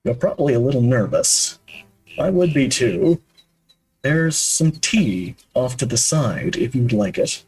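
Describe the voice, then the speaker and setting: Man doing a kindly older gent who's secretly some lizard thing, slightly husky, calm and soothing, a bit teasing. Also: mid-range voice, slow, soft background music, heavily acted, poor audio.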